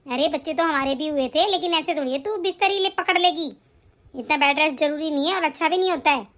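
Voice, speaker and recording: A woman voicing a bossy, scornful middle-aged mother-in-law in an animated family drama, nagging and commanding. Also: sits high, fast. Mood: scolding. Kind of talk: animated story voice acting.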